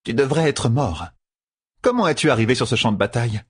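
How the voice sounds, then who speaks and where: A regal, poised noblewoman, voiced by a male audiobook reader, speaking in a measured, composed way. The voice sits higher than his own, with lively rises and falls and a husky grain. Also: dry recording, studio quality. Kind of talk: audiobook character voice.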